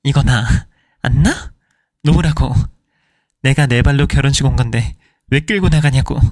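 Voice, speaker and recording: A man's voice: medium pitch, moderate pace, dry recording, studio quality, natural voice. A man voicing a furious middle-aged wife who fires indignant questions at her husband, in a storytelling reading. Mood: shocked.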